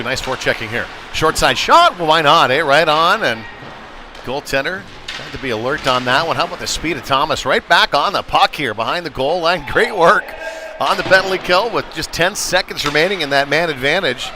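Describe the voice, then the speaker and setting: A sports commentator with a slightly high voice calls a youth ice hockey game at a moderate pace. He's conversational, using filler words and casual asides, in a noisy live broadcast from an indoor rink.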